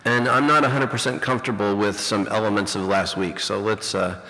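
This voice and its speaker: A middle-aged pastor and teacher gives a conversational, reflective sermon full of "you know." His voice is on the low side, steady, a little fast and sharp-toned, heard through a fuzzy, distorted, reverberant hall recording.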